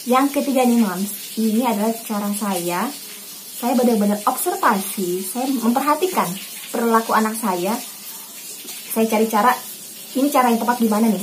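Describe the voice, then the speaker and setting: This parenting channel host, a young Indonesian mother, speaks in a fairly high voice with slight hiss or hum during a home tutorial. Her manner is casual, warm, and repetitive, and she calls her audience Mams.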